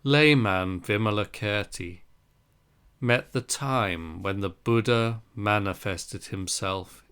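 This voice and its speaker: A man with a smooth, resonant, fairly low voice reads a Buddhist scripture aloud. He takes it very slowly, in short deliberate phrases, as a scripted reading. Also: fairly bright tone. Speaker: reader of a Zen Buddhist text.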